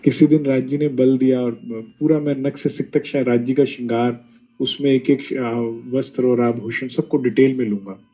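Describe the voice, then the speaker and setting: A man's voice: medium pitch, dark tone, breathy edge, dull audio. A man giving a devotional sermon, scolding his listeners with rhetorical questions and mocking asides. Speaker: spiritual preacher.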